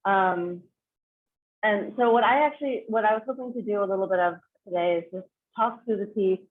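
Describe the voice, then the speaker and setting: A woman's voice: medium pitch, brisk. A woman leading an online choir sectional, chatty and full of fillers and restarts. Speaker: choir clinician. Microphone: video call. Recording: tinny video call audio, faint noise.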